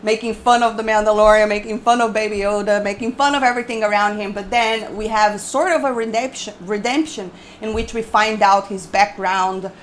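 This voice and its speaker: A woman's voice: mid-range voice, fairly even intonation, fairly quick, hardly any pauses, slight background noise. A woman giving casual reaction commentary as the host of a video.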